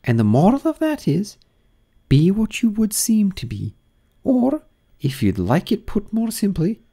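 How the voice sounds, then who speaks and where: A man voicing an ugly, chummy old noblewoman who finds a moral in everything, in a high, drawn-out, sing-song voice. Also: mellow, heavily acted.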